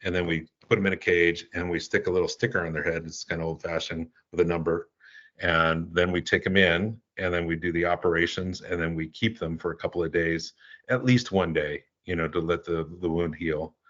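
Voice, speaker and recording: An older man, a guest in an interview, telling stories casually and rambling with halting restarts. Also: low-pitched, fairly even intonation, fairly bright tone, lo-fi sound. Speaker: guest, animal relief volunteer.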